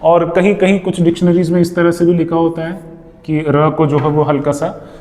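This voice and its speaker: Male teacher, Indian accent, patient drill style repeating words, mellow tone, reverberant room. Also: on the high side, flat delivery. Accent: Indian English. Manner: repeats each word slowly several times; mixes Hindi and English. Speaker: English teacher. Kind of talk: pronunciation lesson.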